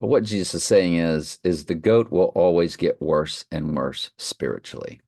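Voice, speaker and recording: A man's voice: low-pitched, normal speed, vocal fry, mellow, dry recording, clean studio sound. A man leading an informal Bible study, reading and commenting off the cuff, slightly slurring because half his mouth is numb from the dentist. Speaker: online Bible study host.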